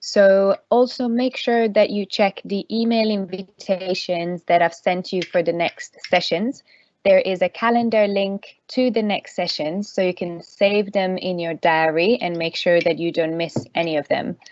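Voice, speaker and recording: A woman's voice: mid-range voice, steady tone, measured pace, darkish tone, dry recording, dull audio. A woman organizer closing an online session politely, giving reminders about emails and next sessions. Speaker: webinar organizer. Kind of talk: closing announcements.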